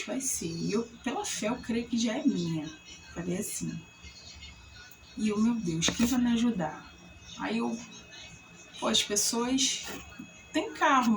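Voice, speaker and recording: A woman's voice: a little hiss or hum, rough recording. A woman in her thirties casually telling a personal faith testimony, acting out what people said with big jumps in her voice. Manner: animated storytelling, acts out quoted voices with big pitch jumps. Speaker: vlogger sharing a testimony.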